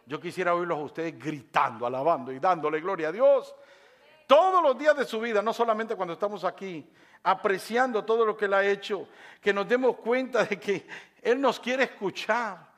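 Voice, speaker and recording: A male pastor preaching a sermon, swinging from quiet asides to shouted praise and acting out voices of the congregation. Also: high voice, normal speed.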